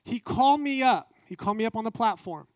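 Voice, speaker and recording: A man with a fairly high voice preaches a testimony sermon with fervent emphasis. He drives his key phrases home by repeating them. The sound is dry and close, with no room echo. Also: expressive, quick pace.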